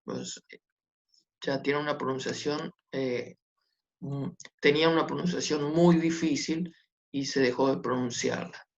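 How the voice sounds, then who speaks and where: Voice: mid-range voice, steady tone, measured pace, gravelly, highs cut off. A teacher giving a class, patient and repetitive, often checking that the students follow. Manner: patient, repetitive, checks understanding with tag questions. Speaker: Hebrew teacher. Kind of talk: online class lesson.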